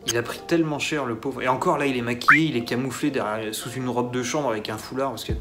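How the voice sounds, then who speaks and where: A man's voice: medium pitch, steady tone, fast, music in the background. Sarcastic man rambling through a film review. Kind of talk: casual solo film review.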